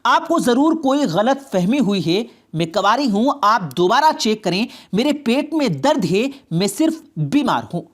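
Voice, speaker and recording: A woman's voice: fairly high pitch, big pitch swings, few pauses. A woman voicing a young daughter who pleads tearfully to be believed, in a told story. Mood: pleading.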